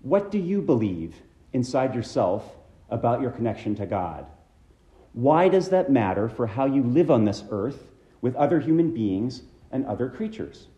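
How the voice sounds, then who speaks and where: A man preaching a measured, reflective sermon as a minister, his phrases trailing off low at the ends. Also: sing-song, warm tone, echoey room, highs cut off.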